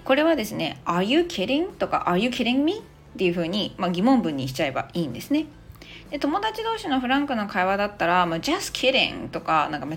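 A Japanese woman in her thirties hosting a casual audio English lesson, chatty and full of fillers, who reads model English phrases slowly. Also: lowish voice, slight background noise. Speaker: English teacher and podcast host. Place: Australia, speaking from abroad.

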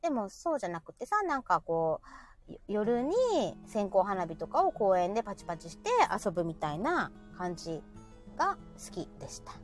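A woman from Osaka with a Kansai accent, co-hosting a casual talk show and chatting in an animated way with frequent laughter. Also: mid-range voice, normal speed, faint music behind. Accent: Kansai Japanese. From Osaka, Japan. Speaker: co-host of a live audio talk show. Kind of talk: casual chat.

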